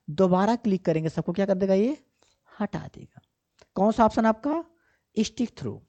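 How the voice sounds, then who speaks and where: A woman computer teacher giving a step-by-step software tutorial, repeating points and answering her own questions. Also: mid-range voice. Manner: asks herself questions and answers them, checks often with 'ठीक ना'; repetitive, step-by-step explaining. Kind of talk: screen-recorded software tutorial. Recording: slightly dull lo-fi audio.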